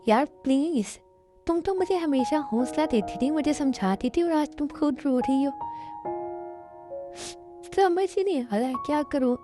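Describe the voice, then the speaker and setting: A woman's voice: high voice, lively intonation, moderate pace, over music. A woman dubbing a tearful young woman who pleads with her best friend, in an amateur dubbed love story. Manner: pleading, emotional.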